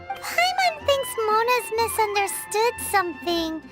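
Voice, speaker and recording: A woman voicing a tiny, cheerful, excitable childlike fairy companion in a video game, over music. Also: extremely high pitch, measured pace, exaggerated voice. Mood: puzzled concern. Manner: speaks of self in third person, exclaiming. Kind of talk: video game cartoon voice acting. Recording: music behind the voice.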